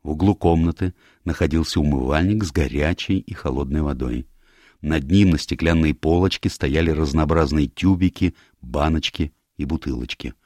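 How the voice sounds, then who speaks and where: A man narrating an audiobook in a calm, even storytelling manner. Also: very deep voice, moderate pace, no echo, studio quality. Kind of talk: scripted narration.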